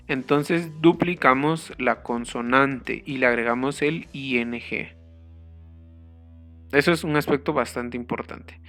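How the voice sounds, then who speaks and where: A man teaching an English grammar lesson, explaining the rules slowly and carefully and spelling out the letters. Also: mid-range voice, pushed and bright.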